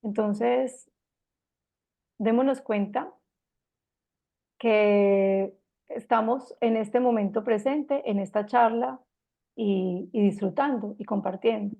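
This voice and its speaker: A Colombian woman in her fifties, speaking with a Medellín accent, gives a gentle, reflective personal talk full of pauses and restarts. Her voice sits at medium pitch with some vocal fry.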